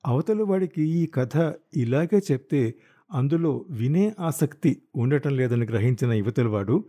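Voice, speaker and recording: A man reading a novel aloud as an audiobook narrator, telling the story in a steady, measured way. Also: medium pitch.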